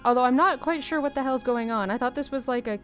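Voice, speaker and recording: A woman's voice: sits high, fast talker, fairly bright tone. A woman chatting casually and expressively as she comments on a game she is streaming live. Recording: music behind the voice. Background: game music.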